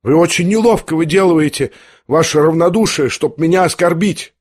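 A man's voice: a little high, normal speed, darkish tone, no echo, pitched above the performer's own voice, natural voice. A feverish young invalid, shaky and bitter, throwing out challenges in a raised, strained voice, as a man reads him in an audiobook. The sound is close and dry. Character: feverish, trembling, defiant sick young man.

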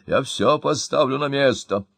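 A man's voice: mid-range voice, measured pace, fairly bright tone, no room sound, voice pushed up. A man doing a blustering angry town boss. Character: irritable pompous middle-aged town boss. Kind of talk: audiobook reading.

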